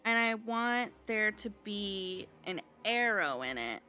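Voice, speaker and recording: A woman player in a tabletop game, giggly and excitable as she describes her moves. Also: mid-range voice, slow pace, faint music behind.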